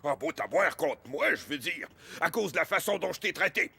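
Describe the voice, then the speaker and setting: An actor with a Québécois French accent, playing a loud, bossy, blustering rich hotel-owner father in a cartoon. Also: high-pitched, quick pace, gravelly, breathy edge, heavily acted. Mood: gushing. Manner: loud, bossy, then gushing. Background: cartoon background music.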